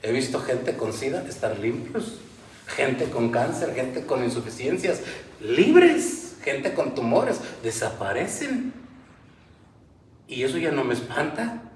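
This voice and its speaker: A man's voice: medium pitch, sing-song, slow, slight background noise. A male pastor preaching a sermon with impassioned rises and falls, in a church hall. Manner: impassioned preaching, voice rising and falling. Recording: roomy church sound from a distance.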